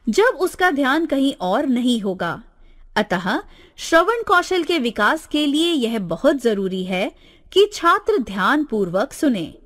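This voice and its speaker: Woman, lesson reading, high and lively pitch, unhurried, deliberate. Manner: slow, deliberate, textbook reading. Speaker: teacher. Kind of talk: reading a grammar lesson aloud.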